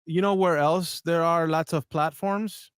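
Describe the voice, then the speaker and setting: A man's voice: fairly high pitch, fairly even intonation, a little slow, clear, resonant tone, dry recording, clean studio sound. A man hosting a podcast, talking casually and a bit hesitantly as he comments on video clips. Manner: conversational, hesitant, with restarts. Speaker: podcast host.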